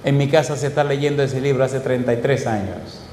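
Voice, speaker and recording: Guy preaching, asks the crowd questions back to back, warm low tone, big roomy echo. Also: slight background noise. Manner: emphatic, call-and-response questions to the congregation; sweeping pitch swings and slow stressed phrases. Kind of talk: sermon. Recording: echoey hall with reverb.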